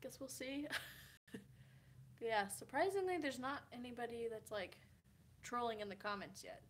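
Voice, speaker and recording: On a casual livestream from her hotel room, a Kansas woman in her early twenties rambles through viewer comments, leaning heavily on "like" and laughing often despite sounding tired. Her voice runs on the high side at a normal pace, with a slight hiss or hum in the audio.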